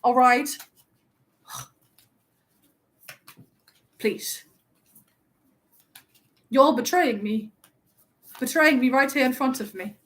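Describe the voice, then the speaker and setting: A vain, playful young wizard who loves compliments, played by a woman in her own high voice. He teases his viewers and acts wounded when they tease back, keeping up a chatty live-stream role-play. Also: very slow, pauses often. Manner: playful, teasing, mock-offended. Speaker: livestream host.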